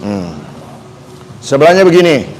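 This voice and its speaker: A man's voice: fairly high pitch, sing-song, a little slow, a little mellow, low-quality recording. A man with an Indonesian accent demonstrating reflexology massage on a live stream, chatty and joking as he repeats each instruction.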